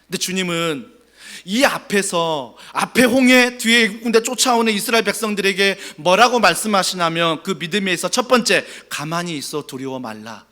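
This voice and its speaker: A man preaching a Sunday sermon in a church, his delivery swinging from soft and low to loud and emphatic. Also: moderate pace. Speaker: pastor. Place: church sanctuary.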